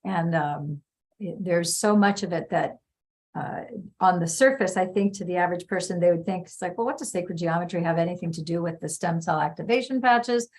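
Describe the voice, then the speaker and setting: A woman's voice: lowish voice, brisk, a little mellow. Upbeat woman hosting a live show. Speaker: host. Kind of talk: live online interview. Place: home in California.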